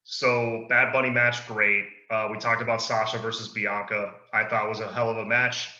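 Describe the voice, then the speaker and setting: A man's voice: lowish voice, level tone, normal speed, sharp tone. A man co-hosting a podcast, chatting casually and giving easygoing opinions while he leads the discussion. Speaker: podcast co-host. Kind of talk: casual chat about wrestling. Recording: echoey room, dull lo-fi sound.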